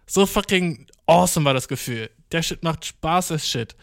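A young man doing a rambling comedic monologue, full of swearing and English slang, jumping from mumbled asides to excited outbursts. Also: fairly high pitch, normal speed, vocal fry, no room sound, studio quality. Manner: slangy, profane, mixing English words into German; jumps from deadpan mutters to excited outbursts.

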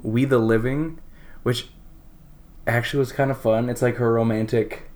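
A man's voice: medium pitch, normal speed. A man hosting a podcast, chatting casually over beers, rambling and laughing as he talks. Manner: laughs often, relaxed and rambling. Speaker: podcast host.

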